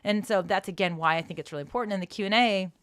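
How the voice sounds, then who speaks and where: A woman's voice: medium pitch, racing, fairly bright tone, smooth, dry recording, clean studio sound. A woman co-hosting a live streaming show, explaining advice in an earnest, conversational way. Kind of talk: casual advice chat.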